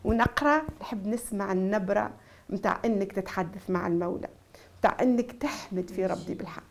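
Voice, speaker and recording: A woman with a Tunisian accent teaching Quran recitation on TV. She explains the rules and then stretches each syllable slowly to demonstrate. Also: mid-range voice. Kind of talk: TV recitation lesson.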